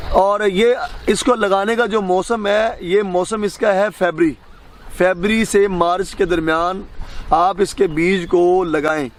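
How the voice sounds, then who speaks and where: A man with a Pakistani Punjabi accent, explaining crop care outdoors in an instructive, firmly corrective way. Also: high-pitched. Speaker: farm expert guest. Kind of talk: explaining farming advice. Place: outdoors on a farm.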